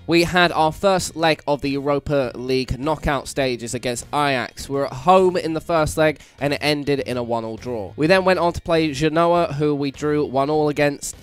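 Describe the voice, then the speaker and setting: A hungover British man giving casual, self-deprecating commentary on a video game playthrough, sounding slightly croaky. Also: fairly high pitch. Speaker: gaming YouTuber, host. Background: background music.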